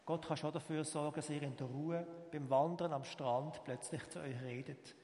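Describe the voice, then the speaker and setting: Swiss German male pastor, fairly high voice, sermon delivery with emphatic swells and soft slow pauses, long hall reverb. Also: steady tone.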